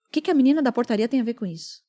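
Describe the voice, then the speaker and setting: A woman's voice: on the high side, expressive, racing, warm tone. A woman in her thirties hosting a podcast, telling a personal story with feeling and acting out the lines of others. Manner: emotional storytelling, acts out quoted speech. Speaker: podcast host. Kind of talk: casual podcast chat.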